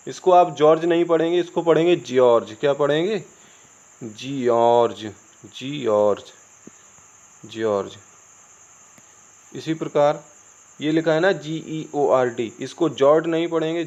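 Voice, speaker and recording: A fairly high-voiced Indian man leads an English lesson, spelling out each word letter by letter and then answering his own questions. The recording is dull and lo-fi, with crickets chirping faintly behind him. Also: normal speed, a little mellow. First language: Hindi. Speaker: English teacher. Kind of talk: classroom-style spoken lesson.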